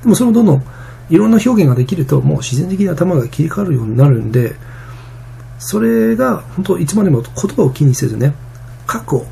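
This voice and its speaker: Fast, gravelly, husky-voiced man. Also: fairly high pitch, very animated, warm tone, a little hiss or hum. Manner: rambling, many fillers and restarts. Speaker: vlogger. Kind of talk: casual vlog monologue.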